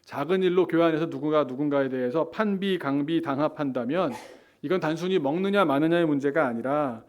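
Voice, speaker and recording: A middle-aged man preaching a Sunday sermon to his congregation, who now and then bursts into loud, scolding example voices. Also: fairly high pitch, a little fast. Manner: acts out scolding voices with sudden loud outbursts. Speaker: pastor.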